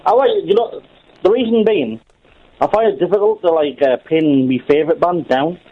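A man's voice: a little high, normal speed. A man calling in to a radio phone-in, chatty and jokey, his voice coming through an echoey line that sounds like an old homemade record. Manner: jokey and rambling. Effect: crackly, echoey phone line that sounds like an old record. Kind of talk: casual chat.

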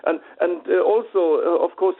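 Male phone-in guest, slightly raised pitch, measured hesitant delivery, tinny phone line. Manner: measured, hesitant with many uhs. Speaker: phone-in guest, party spokesman. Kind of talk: radio interview over the phone. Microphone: telephone.

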